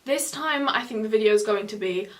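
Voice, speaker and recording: Seated with another person before a camera in a small home room, a young woman student rattles off exam advice in a relaxed chat, her fairly high voice quick and full of self-corrections and lively hand gestures. A little hiss or hum is audible.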